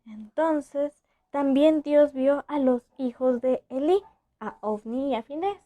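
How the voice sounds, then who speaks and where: A woman teaching a children's Bible lesson in a gentle storytelling way. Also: sits high, takes it slowly.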